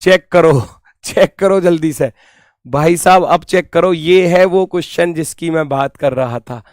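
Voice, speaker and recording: A man's voice: fairly high pitch, measured pace, darkish tone, no echo, studio quality. A man teaching an exam-prep lesson, repeating key words as he points through a diagram and playfully scolding his students.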